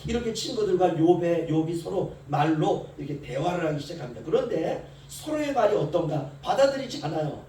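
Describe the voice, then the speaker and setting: A man's voice: on the high side, expressive, fairly quick, hardly any pauses, warm tone. A male pastor giving an early-morning sermon, telling stories and acting out the voices of the people in them. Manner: storytelling, acts out quoted voices of servant and master. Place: church sanctuary. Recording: echoey church hall from far off, faint hiss.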